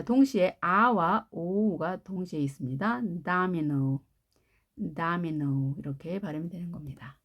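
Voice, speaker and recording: Slow-spoken Korean woman teaching pronunciation. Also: fairly low pitch, slightly rough. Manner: explains slowly and repeats each word. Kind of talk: classroom-style pronunciation lesson.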